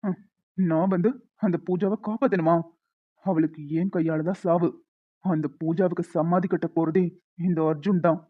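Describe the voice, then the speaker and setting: A woman's voice: on the low side, steady tone, normal speed, lightly acted. A woman voicing a calculating young man who speaks in dry, sardonic lines in a cartoon. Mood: cold. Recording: tinny phone-like dry recording.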